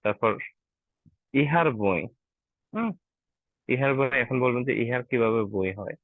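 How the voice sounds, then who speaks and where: Teaching an online German class for Bengali speakers, a patient man keeps checking in with "ঠিক আছে?". He speaks expressively and without hurry at medium pitch, and the call audio is tinny and dry.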